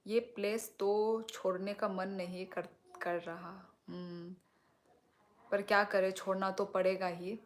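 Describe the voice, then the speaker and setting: Young woman, from Tripura, blunt scolding-like tone, unhurried livestream chat. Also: mid-range voice, level tone. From Tripura, India. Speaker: livestream host. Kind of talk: casual livestream chat reading comments.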